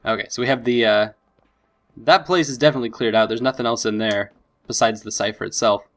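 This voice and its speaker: A man with a middle-pitched voice gives casual let's play commentary. He thinks aloud as he goes and sounds easily impressed by what he sees. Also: fast talker. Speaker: gaming video host.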